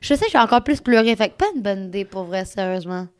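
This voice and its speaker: A young woman with a Québécois French accent, co-hosting a casual chat and telling stories in an animated, dramatic way. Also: medium pitch, quick pace, smooth. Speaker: co-host.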